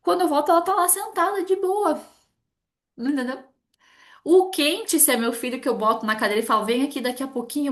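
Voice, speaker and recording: A middle-aged therapist from talks in a casual, animated way, voicing small dialogues as she explains. Her voice sits a little high. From Brazil. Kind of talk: casual explanatory talk to camera.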